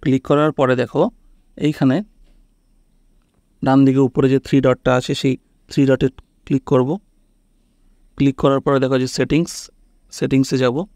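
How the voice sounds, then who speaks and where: A tech tutorial host walks through phone steps in a casual, step-by-step way, giving instructions and often checking that the listener is keeping up. His mid-range voice has a dark tone and no echo.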